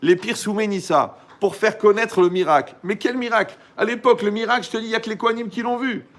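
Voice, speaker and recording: A man, a rabbi, giving a lively Torah lesson in colloquial, animated storytelling style, often asking his listeners rhetorical questions. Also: high voice, fast.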